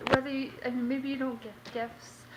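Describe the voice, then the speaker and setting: A woman's voice: sits high, flat delivery, moderate pace. Chatty young woman rambling at home. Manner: rambling, chatty, many fillers. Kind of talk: casual vlog monologue. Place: home kitchen. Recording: noisy home recording.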